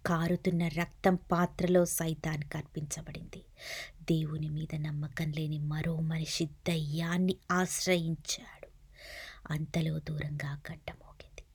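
A woman narrating a serialized novel in a soft, hushed reading voice. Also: low-pitched, flat delivery, measured pace, slightly rough, no room sound. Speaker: audiobook narrator.

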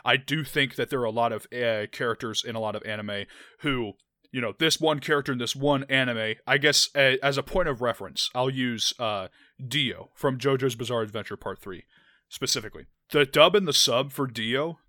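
Talking casually about anime, this young co-host rambles, often restarting and leaning on "like." His mid-range voice comes across pushed and bright at a normal speed. The recording is dry and clean, with studio sound.

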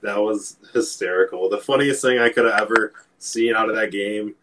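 Low-ish voice dude chatting sports, rambly, lots of you know. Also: male voice, steady tone, moderate pace, noisy background. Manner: rambling, lots of fillers and restarts. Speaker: podcast co-host. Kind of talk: casual sports chat.

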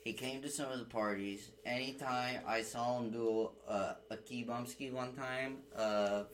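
A young man, a podcast guest, telling animated stories with a lot of swearing in a casual chat. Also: mid-range voice, measured pace, a little hiss or hum, low-quality recording. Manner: animated storytelling, heavy swearing.

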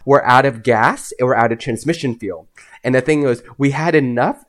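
A man's voice: medium pitch, normal speed. A young man, a podcast guest, telling a long story in a loose, rambling way full of "like"s. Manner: rambling, lots of "like"s. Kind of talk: casual storytelling.

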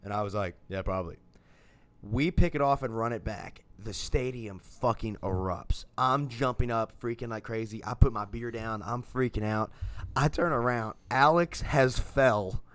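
A man co-hosting a casual podcast chat, swearing freely and telling lively stories. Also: mid-range voice, moderate pace. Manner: profane, animated storyteller. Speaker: podcast co-host.

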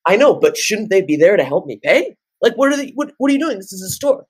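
Teen male co-host, rambling and animated, higher pitch, dry recording. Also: quick pace, slightly rough, no echo. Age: late teens. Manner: rambling, animated, jumps into loud off-key singing. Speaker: podcast co-host. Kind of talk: casual chat.

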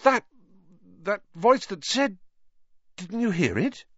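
A man's voice: low-pitched, huge pitch swings, unhurried, fairly bright tone, dry recording, muffled recording, exaggerated voice. A man voicing an earnest, put-upon schoolboy wizard in a storybook, youthful and anxious. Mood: frantic.

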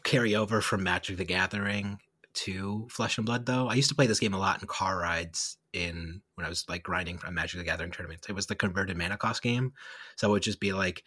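A man with a low, slightly husky voice co-hosts a casual podcast chat. He talks in an animated way, full of quick asides and self-corrections. The sound is dry and close, with no room around it. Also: no echo. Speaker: podcast co-host.

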